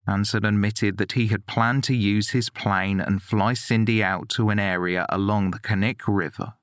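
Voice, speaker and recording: A man reading a scripted true-crime narration in a measured, sober way. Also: on the low side, fairly even intonation, no echo, studio quality.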